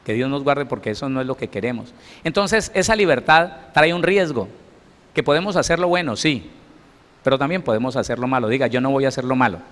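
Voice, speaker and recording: A man's voice: mid-range voice, animated, a little fast, fairly bright tone. Emphatic preaching man, echoing hall. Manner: emphatic preaching, asks the congregation questions. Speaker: pastor. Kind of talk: sermon.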